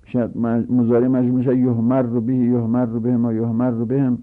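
A man teaching Arabic grammar, reciting verb conjugations in long rapid lists. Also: mid-range voice, completely flat delivery. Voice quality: gravelly, husky. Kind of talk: conjugation drill lesson. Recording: tinny phone-like lo-fi audio.

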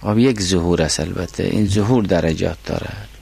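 A man teaching a class on a mystical philosophy text, reading classical quotations slowly and then explaining them. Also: deep voice, gravelly, darkish tone.

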